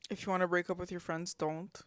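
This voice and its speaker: A young woman co-hosting a podcast, bantering playfully with quick teasing interjections. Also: fairly low pitch, level tone, fairly bright tone, no echo. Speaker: podcast co-host. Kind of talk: casual chat.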